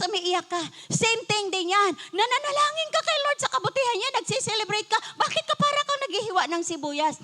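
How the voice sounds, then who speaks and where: Bright high-voiced older Filipina preacher. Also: female voice. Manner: switches between Tagalog and English, animated and conversational. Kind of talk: sermon.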